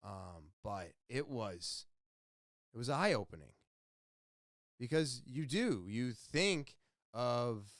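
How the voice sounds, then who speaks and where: A man hosting his own podcast, delivering an impassioned solo opinion monologue that swings between ranting and quiet somber talk. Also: mid-range voice, lively intonation, slow, long pauses, dry recording, clean studio sound. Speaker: podcast host.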